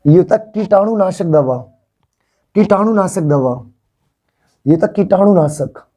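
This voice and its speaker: Brief: young male teacher in a classroom, mellow tone, coaxing, repeats words for students to echo. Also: high voice, lively intonation, measured pace. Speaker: English teacher. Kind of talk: classroom vocabulary lesson.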